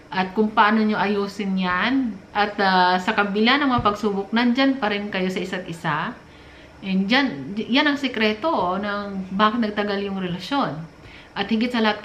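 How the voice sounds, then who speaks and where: A woman's voice: medium pitch, a bit bright, highs cut off. A middle-aged woman from the Philippines giving casual relationship advice in a chatty, preachy manner, with frequent fillers and little laughs. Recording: roomy room with faint noise.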